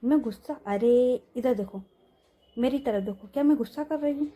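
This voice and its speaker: A woman voicing a bossy young woman who scolds and gives orders, speaking louder than her narration. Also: fairly high pitch, moderate pace, natural voice. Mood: scolding. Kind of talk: storytelling role-play.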